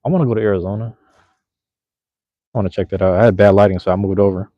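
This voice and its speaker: This young streamer's voice sits on the low side with fairly even intonation, and he talks fast. He's hosting a casual, laid-back, slangy live chat from his handheld phone in a park at night during cold drizzle. The audio has no echo but is slightly dull and lo-fi.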